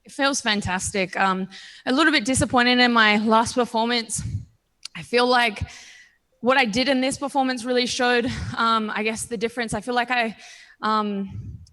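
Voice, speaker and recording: A woman's voice: on the high side, steady tone, moderate pace, pushed and bright. A woman in her twenties with an Australian accent, a professional fighter giving candid, confident, casual answers in a post-fight interview. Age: 20s.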